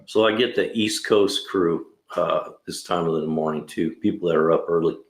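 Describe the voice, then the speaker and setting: A man in his 60s, a mechanic by trade, hosts an easygoing livestream in an echoey garage. His low voice keeps a moderate pace as he rambles along, frequently saying "man" and "you know."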